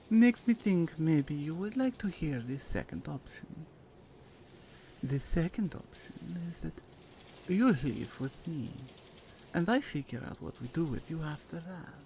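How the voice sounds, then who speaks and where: In an ASMR roleplay, a voice actress plays a menacing female Russian mafia enforcer, using a Russian accent and slipping into teasing whispers. Her low voice has lively intonation, and she delivers slow, teasing menace with soft whispered asides, over a little hiss or hum.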